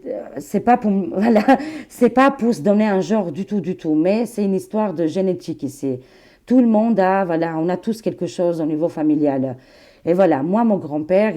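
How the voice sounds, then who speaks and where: A woman in her forties speaks with an Albanian accent, holding a casual, rambling chat with her viewers. Her voice sits a bit low and sounds mellow. She laughs often and fills her sentences with asides. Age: 40s. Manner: chatty, laughing, addresses viewers as friends, many fillers. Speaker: tarot reader and channel host.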